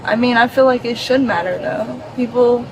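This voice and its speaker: A woman's voice: fairly high pitch, normal speed, crowd noise, rough recording. A woman in her twenties pleading with police after an arrest, stammering and slurring her words. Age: 20s. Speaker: arrested driver. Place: inside a police car.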